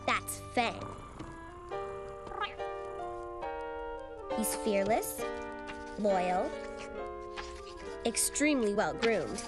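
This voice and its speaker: A woman voicing a bold, imaginative little girl hero in a cartoon, with an earnest, bossy manner, over loud music. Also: fairly high pitch. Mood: reflective narration. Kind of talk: cartoon voice acting. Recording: loud music bed behind.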